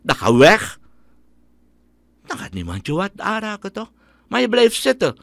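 A man's voice: high-pitched, wildly swooping pitch, a little slow, vocal fry, fairly bright tone, no echo. A middle-aged man with a Surinamese Dutch accent, giving an indignant, scornful opinion monologue as a radio commentator.

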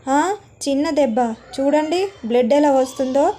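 A woman's voice: high-pitched, moderate pace, dark tone, slight background noise, natural voice. A woman voicing an anxious, tender young wife and mother who fusses over her family. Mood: worried. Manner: fretful, tender.

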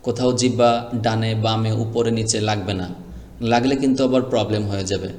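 A man's voice: lowish voice, fairly even intonation, a little fast, a little mellow. A man teaching Quran reading, spelling out letters and vowel marks one by one and asking the learner to repeat after him. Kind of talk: slow spelled-out recitation lesson. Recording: echoey room with long reverb.

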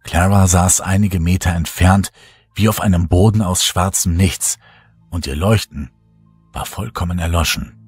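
A man reading a horror story aloud as a narrator, in a slow, hushed and dramatic style. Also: low-pitched, breathy edge, dry recording. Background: faint music.

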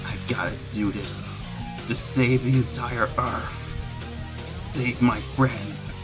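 A man's voice: medium pitch, steady tone, takes it slowly, loud music behind the voice, pitched below the performer's own voice. Man as Shadow the Hedgehog, dramatic and defiant. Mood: resolute. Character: defiant brooding cartoon hedgehog antihero, dramatic. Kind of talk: improvised parody fandub.

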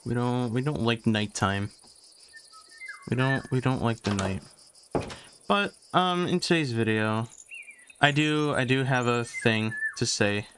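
A young man talks his way through a game session in a loose, rambling way, often doubling up his words. His voice sits at an ordinary middle pitch and still sounds a little worn from having lost it. A faint hiss sits under the recording. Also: animated, takes it slowly, long pauses. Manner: rambling, repeats words while playing. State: recovering from lost voice. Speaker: gaming channel host. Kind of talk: casual let's-play commentary.

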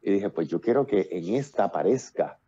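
Low, dark and a touch breathy, this man's voice has lively intonation and a moderate pace on a muffled recording. A Puerto Rican playwright and actor in his fifties, he's a guest on a casual video-call interview, talking at length in his Puerto Rican accent with many fillers and restarts via earphones with a built-in mic.

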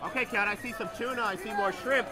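A middle-aged man with a fairly high voice presents a food travel show at an outdoor fish market, wearing a lapel mic. He is excitable and exclaims at everything he sees. A loud crowd and music fill the space behind him. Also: fast. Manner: excitable, exclaims often, laughs easily. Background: crowd chatter and background music.

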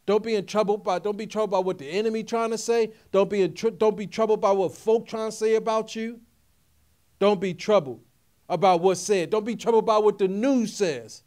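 A middle-aged man delivers a sermon in a notably high voice. He preaches in emphatic, repeated phrases and keeps calling out questions to his listeners. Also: fairly even intonation, brisk, darkish tone. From Philadelphia area. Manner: call-and-response preaching, repetitive and emphatic. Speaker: pastor.

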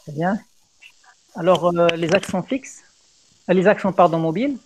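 Un homme, professeur, donne un cours de poésie française en visioconférence, patient et guidant ses élèves. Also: male voice, high-pitched, moderate pace, slight background noise. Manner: patient, guiding, repeats praise. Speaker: teacher. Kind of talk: online French poetry lesson.

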